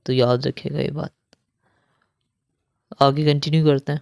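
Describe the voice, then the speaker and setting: A man teaching beginners to read the Quran, slowly spelling out syllables and drawing out each word, then explaining the rules quickly. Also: fairly high pitch, flat delivery, gravelly, a little mellow, smooth, dry recording, studio quality. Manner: explains rules quickly, often checking in with the learner. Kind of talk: spelling drill lesson for beginners.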